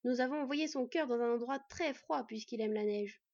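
A woman's voice: fairly high pitch, vocal fry, no echo. A woman voicing an eager, affectionate teenage boy who blurts out his words, in a slightly muffled recording. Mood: cheerful. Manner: excited, loud and quick to blurt.

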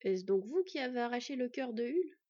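Woman voicing a gentle old one-eyed god. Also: fairly high pitch, animated, no echo. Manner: soft, measured. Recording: dull lo-fi, dry.

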